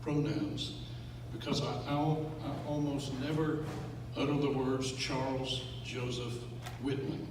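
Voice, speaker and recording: An older man from West Texas, a guest speaker, gives a grave, measured talk to a club audience in a meeting hall, with a mid-range voice. He's unhurried, pausing often and leaning on "uh" fillers. The recording is distant and echoey with steady background noise.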